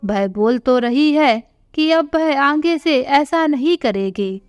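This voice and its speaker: A woman voicing a gentle elderly mother. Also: sits high, expressive, slow pace, dry recording, studio quality. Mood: pleading. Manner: soft, pleading. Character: gentle elderly mother-in-law, soft-hearted.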